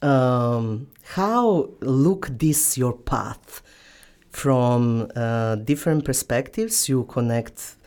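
A woman hosting a radio show from a studio, speaking non-native English in a halting way, with fillers and laughs. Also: a bass voice, animated, a little mellow.

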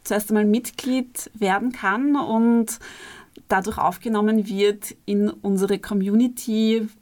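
A woman's voice: medium pitch, fairly even intonation, slow, darkish tone. A middle-aged woman dancer, answering interview questions fluently. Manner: fluent and articulate. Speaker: dancer and theatre co-founder.

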